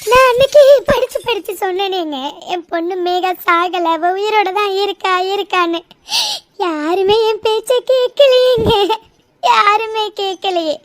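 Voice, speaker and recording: A woman's voice: extremely high pitch, moderate pace, dry recording. A woman voicing cartoon women, one hurt and one a grieving mother, in tearful, pleading tones. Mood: lamenting. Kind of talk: cartoon voice acting.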